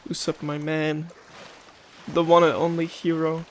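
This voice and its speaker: A man's voice: fairly high pitch, completely flat delivery, measured pace, slight background noise. A man hosting a gameplay video, chatting casually in a rambling, easily sidetracked way.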